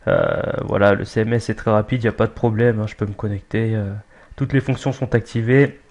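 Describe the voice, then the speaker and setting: A young man giving a casual screen-recorded software tutorial, hesitant, with many fillers and restarts. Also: fairly low pitch, very animated, a little fast, vocal fry. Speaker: tutorial maker.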